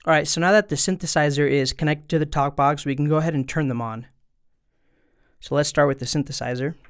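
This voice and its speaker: With a clean, somewhat high voice, a man talks a little fast and keeps his intonation fairly even. He addresses viewers casually while guiding them step by step through a tutorial at an indoor desk, recorded on a studio microphone via an audio interface.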